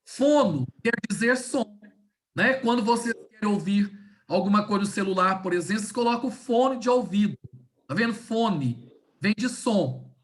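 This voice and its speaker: A woman teaching a class over a video call, in a middle-pitched voice of ordinary range. She explains patiently, one step at a time, and slows down to lean on the key words. She keeps pausing to check that her students are still with her. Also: animated. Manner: didactic, checks in often with "tá?" and "né?". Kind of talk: online class lecture.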